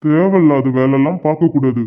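A man's voice: a little high, moderate pace, natural voice. A man voicing a scheming young groom who dismisses and threatens a group of schoolboys, in a cartoon. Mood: threatening. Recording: tinny phone-like audio.

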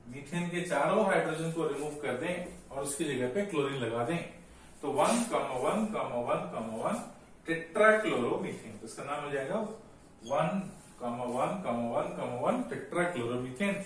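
Man, chemistry teacher, somewhat high voice, very echoey room, distant mic. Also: lively intonation, measured pace. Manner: explains step by step, asking and answering his own questions. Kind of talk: classroom lecture. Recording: echoey room, mic far off, faint noise.

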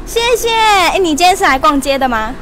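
A bubbly young woman with a high voice chats and giggles through a live-stream shopping promo. She talks into a hand-held lapel mic inside a large mall store, with faint shop ambience behind her. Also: expressive, brisk, background noise. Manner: bubbly, laughing, chatty. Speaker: livestream shopping host. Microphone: wired lapel mic held in hand.

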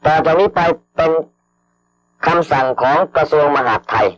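A man slowly dictating official government orders over radio, formal and measured, repeating each phrase and reading out the punctuation. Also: fairly high pitch, fairly bright tone, slight background noise. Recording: dull lo-fi archival radio broadcast.

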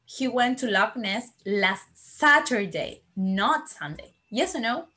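A woman teaching grammar in a recorded online lesson, explaining slowly in a mix of Spanish and English, spelling out letters and checking that her pupils follow. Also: on the high side, lively intonation, bright, forceful tone.

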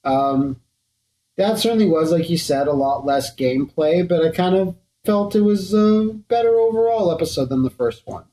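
A man's voice: a little high, expressive, normal speed, dark tone, rough recording. A young man co-hosting a let's play, giving casual, joking commentary with sarcastic asides and casual swearing.

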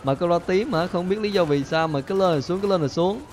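A man hosting a gaming channel, chattering excitedly to viewers as he plays and repeating his phrases, with faint game gunfire behind him. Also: high voice, quick pace, a little hiss or hum. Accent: Vietnamese. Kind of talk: excited gameplay commentary.

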